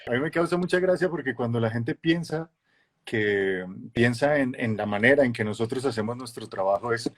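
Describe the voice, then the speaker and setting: A man in his forties, a guest telling his conversion story in a casual chat, lively, acting out the voices of others. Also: medium pitch, normal speed. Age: 40s. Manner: lively storyteller, acts out voices and shifts loudness a lot. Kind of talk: animated testimony in a casual chat.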